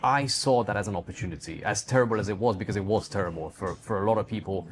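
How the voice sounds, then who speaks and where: A Hungarian man with a fairly low voice speaks quickly, answering questions as an interview guest in a conversational way. He is a digital entrepreneur who runs a book publishing company and talks about his own life and work.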